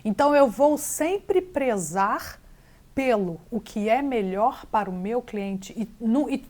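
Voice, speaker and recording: A Brazilian real estate agent speaks casually in an interview, her Portuguese peppered with English words and carrying a Brazilian accent. Her voice is on the high side and darkish in tone, with lively intonation and a slow pace.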